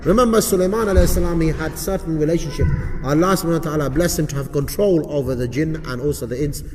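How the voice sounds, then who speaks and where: A man with a somewhat high voice teaches a spiritual procedure, slowing down for the supplications and repeating each step. His voice carries a long reverb, as if he were in a large hall. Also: darkish tone, a little hiss or hum. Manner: slows down to recite supplications with emphasis; repeats steps and checks in with listeners. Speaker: religious teacher. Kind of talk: instructional talk on a spiritual procedure.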